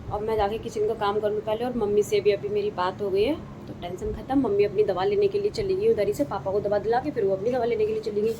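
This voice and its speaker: Speaking fast with hardly any pauses, this young woman has a medium-pitched, steady voice heard over background noise. She narrates a casual vlog of her family's day in a rural house with a cattle yard and kitchen, chatty and repeating things for emphasis.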